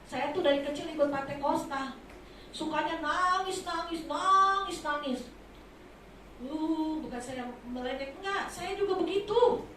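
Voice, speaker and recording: A woman preaching a sermon from Indonesia, impassioned, swinging between soft asides and loud exclamations, in a large church hall. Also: high-pitched, measured pace, slight background noise. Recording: echoey hall from far off.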